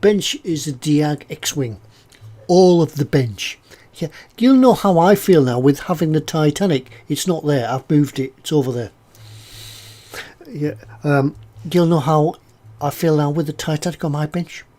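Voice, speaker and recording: Snuffly from a head cold, a man chats casually on a live stream while assembling a scale model and reading viewer comments aloud. His fairly high, dark-toned voice moves a little slowly, friendly and rambling, with frequent "uh"s and self-repeats.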